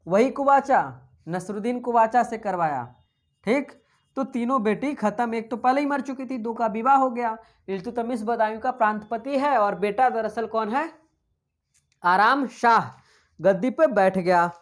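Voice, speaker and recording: A woman with a fairly high voice teaches a history class for exam prep. She dictates points for students to write down and answers her own quiz questions. Her talk is chatty and loose, with English words mixed in. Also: normal speed. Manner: chatty, mixes in English terms.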